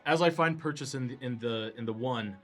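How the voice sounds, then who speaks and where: A man's voice: mid-range voice, a little fast, a bit bright, faint music behind. A man playing a tabletop game, talking through his turn and eagerly acting out his character's lines. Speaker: player. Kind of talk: casual tabletop play.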